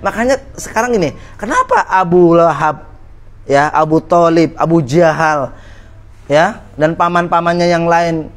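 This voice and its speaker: A man preaching an Islamic study lecture to women, in a conversational way, often putting questions to his listeners. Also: sits high. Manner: conversational, asks the audience questions.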